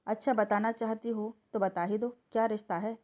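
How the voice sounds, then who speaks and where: A man's voice: high-pitched, level tone, normal speed, natural voice. A woman voicing a stubborn, hot-headed young husband who speaks curtly and confrontationally, in a slightly dull recording. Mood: angry. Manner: curt, confrontational.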